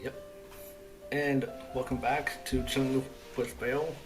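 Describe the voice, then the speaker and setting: Relaxed male podcast host. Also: mid-range voice, unhurried, music in the background, poor audio. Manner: relaxed, stumbles over words. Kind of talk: casual podcast chat. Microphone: video call.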